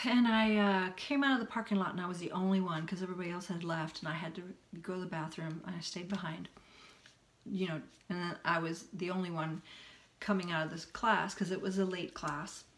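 Candid storytelling woman, low voice. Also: brisk. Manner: candid, animated, talks in long run-on sentences. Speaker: spiritual healing vlogger. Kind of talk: casual personal storytelling.

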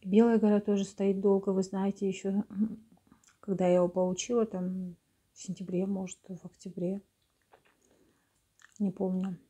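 A middle-aged woman speaks in a hushed, half-whispered ASMR style, very dark and mellow in tone. Her voice is breathy and stays mostly flat in pitch. She chats casually, as if to viewers over food. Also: moderate pace, pauses often. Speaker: mukbang host. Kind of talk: ASMR casual chat while eating. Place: small indoor room.

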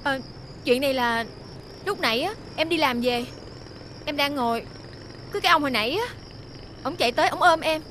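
A woman's voice: high voice, moderate pace, pauses often, a bit bright, a little hiss or hum. An actress playing a chatty jobless young woman who tells her story.

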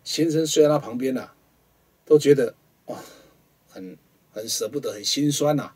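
A man with a Taiwanese Mandarin accent, hosting a studio show and telling a ghost story dramatically, jumping between loud rhetorical questions and hushed asides. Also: medium pitch, moderate pace, slightly rough, recorded from a distance.

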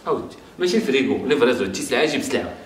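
A young man with a Moroccan accent, talking in a lively, pleading, boasting way. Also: medium pitch, very fast, echoey room, recorded from a distance, slight background noise, natural voice.

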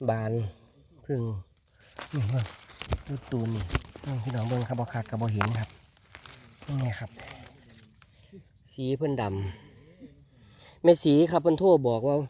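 Excited Isan man foraging outdoors. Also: medium pitch, a little slow, pauses often, slight background noise. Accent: Isan Thai. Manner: excited exclamations, addressing viewers as brothers and sisters. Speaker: foraging vlogger. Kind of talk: casual outdoor vlog narration. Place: forest outdoors.

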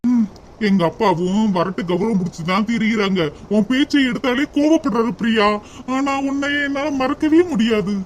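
A man's voice: very high-pitched, normal speed, slight background noise. A man voicing Siva, an earnest young lover. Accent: southern Tamil. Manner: reassuring, earnest. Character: young rich devoted boyfriend.

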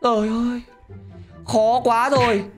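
Man, excitable gameplay commentary, laughs a lot, faint music behind. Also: very high voice, a little slow. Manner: excitable, laughs often, talks to viewers. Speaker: gaming channel host.

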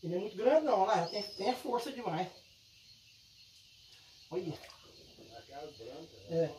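A man hosting a fishing vlog, exclaiming loudly and excitedly outdoors by a pond. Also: sits high, normal speed, slight background noise. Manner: loud excitable exclamations, cheering at the catch. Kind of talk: excited live fishing commentary.

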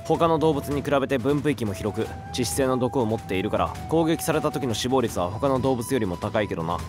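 A man voicing a level-headed, know-it-all cartoon penguin who explains things and makes sharp, dry retorts. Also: medium pitch, lively intonation, fairly quick, music in the background, close to an everyday voice. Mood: serious explaining. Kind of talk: animated explainer comedy.

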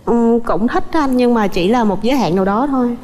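A woman's voice: a little high, fairly quick, darkish tone, in a large hall, soft background music. A young woman from the Mekong Delta with a southern Vietnamese accent, talking politely and earnestly as a dating show contestant. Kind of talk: polite casual chat.

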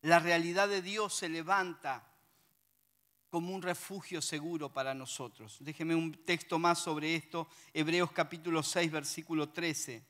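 A man with a high voice and a Rioplatense Spanish accent preaches a sermon. His tone is bright and forceful, and he reads scripture aloud between lively, humorous asides to the congregation. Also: a little slow.

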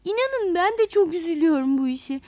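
A woman's voice: very high voice, animated, brisk, mellow, dry recording. A woman voicing a tiny, timid trumpet creature that stammers and pleads in a storybook tale. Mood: pleading. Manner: stammering, then tearful and pleading.

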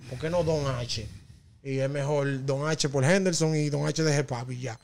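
Man, Dominican Spanish accent, slightly high voice, storytelling, casual podcast chat. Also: normal speed, gravelly, slight background noise. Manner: storytelling, animated when laughing with the hosts. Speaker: guest rapper.

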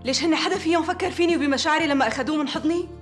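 An actress with a Syrian accent playing a young widow who argues back defiantly. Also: female voice, high-pitched, rapid-fire, faint music behind, natural voice. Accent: Syrian Arabic. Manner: argumentative, defiant.

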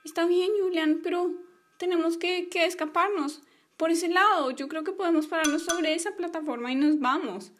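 A woman's voice: extremely high pitch, fairly even intonation, moderate pace, slight background noise. A woman voicing sulky young girl friends in a toy play story, complaining and pouty. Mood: worried.

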